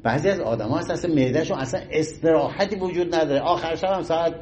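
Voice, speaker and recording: A middle-aged man giving an informal health talk in an animated, folksy way, acting out little everyday scenes. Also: fairly high pitch, slight background noise. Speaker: health lecturer.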